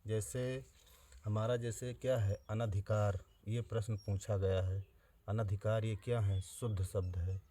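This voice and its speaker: Low, mellow man teaching spelling. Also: little pitch movement, slight background noise. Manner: slow, repeats each word to spell it out; plain direct address to students. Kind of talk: exam-prep grammar lesson.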